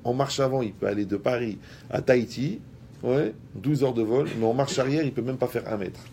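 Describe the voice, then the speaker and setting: A man giving a lively talk to an audience. He speaks colloquially, addresses the listeners directly and uses everyday examples. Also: mid-range voice, brisk, gravelly, a little hiss or hum.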